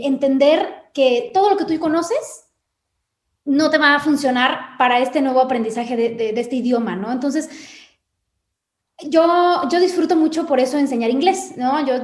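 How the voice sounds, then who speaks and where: A woman's voice: sits high, a little mellow, reverberant. A woman with a Mexican Spanish accent, an English teacher explaining things in casual chat and often adding "¿no?" tags. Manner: explanatory, uses many "¿no?" tags.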